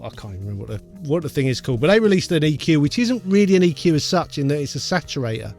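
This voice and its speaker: A man, co-hosting a casual chat about music production and gear, chatty and quick to laugh. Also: on the high side, big pitch swings, a little mellow. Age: 50s. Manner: chatty, laughs often, loses names mid-sentence. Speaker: co-host of a music production show.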